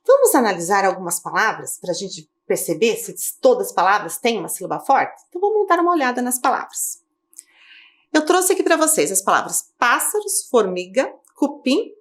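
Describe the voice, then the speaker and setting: A woman teaching children in a video lesson, her voice high and very animated as it rises and falls. She has a Brazilian Portuguese accent and breaks words into syllables slowly and clearly. She keeps asking the pupils questions.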